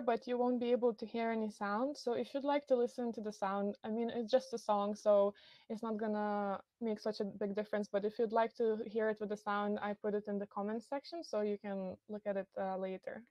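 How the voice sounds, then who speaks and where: Speaking through a computer mic on a video call, a young Lithuanian woman with a Lithuanian accent presents a university recruitment webinar, friendly and informative but full of fillers. Her voice is fairly high, steady and brisk, with a darkish tone. The audio is dull, with no room sound.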